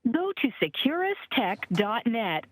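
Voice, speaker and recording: A woman's voice: on the high side, big pitch swings, measured pace, no echo. Woman's automated payphone prompt voice. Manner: spells out a web address letter by letter. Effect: recorded automated prompt on a prison payphone call. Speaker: automated phone system announcer. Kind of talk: scripted automated phone announcement.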